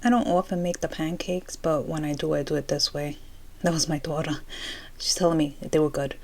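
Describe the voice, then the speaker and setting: A middle-aged woman with a fairly low voice talks casually through her cooking at home. She rambles and explains as she goes. Clear machine noise from a running dishwasher sits behind her voice. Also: fairly even intonation, brisk. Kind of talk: casual chat while cooking. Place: home kitchen.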